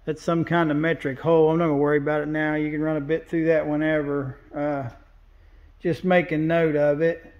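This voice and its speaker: In a large indoor metal fabrication shop, a welder and fabricator casually walks through his work, pointing things out in plain language. His fairly high voice is level and brisk, and the recording sounds lo-fi.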